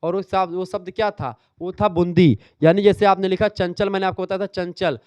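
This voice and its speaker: A man's voice: high-pitched, fairly even intonation, fairly quick, a little mellow, clear, resonant tone, dry recording. A man teaching an exam revision lecture, explaining step by step, repeating key terms and quizzing his students.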